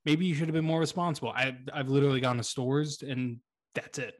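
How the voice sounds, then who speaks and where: A man co-hosting a podcast trades casual comedic banter, joking, swearing and making fun of himself. His voice is medium-pitched and fairly quick.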